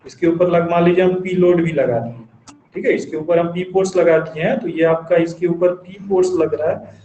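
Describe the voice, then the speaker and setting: High-voiced man teaching in an echoey classroom. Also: warm tone, lo-fi sound, a little hiss or hum. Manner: asks the class questions and answers them himself; dictates definitions slowly in English. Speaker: engineering teacher. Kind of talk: classroom lecture. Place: classroom with students. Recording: echoey classroom recording with faint ambience.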